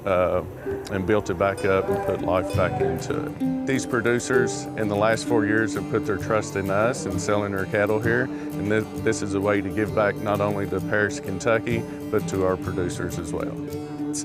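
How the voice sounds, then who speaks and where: A man speaking unscripted in an interview, as the owner of a business. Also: on the low side. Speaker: sale barn owner, interviewee. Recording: loud guitar music underneath. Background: plucked guitar music.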